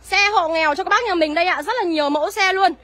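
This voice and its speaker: A young woman, selling used cars on a livestream in a brisk sales patter and answering viewer comments. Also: extremely high pitch, fairly bright tone. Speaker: used car seller.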